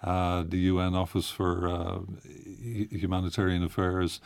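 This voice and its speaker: A man's voice: sits low, level tone, a little slow, clear, resonant tone, no echo. A man from Ireland, a guest head of communications, answering interview questions hesitantly with many fillers in a radio studio.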